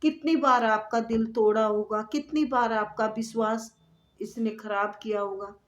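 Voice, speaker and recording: A woman talks viewers through a tarot reading, slowly and at length, repeating her points and addressing them directly. Her voice sits a bit high. The room around her is noticeably echoey. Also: fairly even intonation. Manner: warm, repetitive, chatty explaining, addresses viewer directly. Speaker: tarot reader.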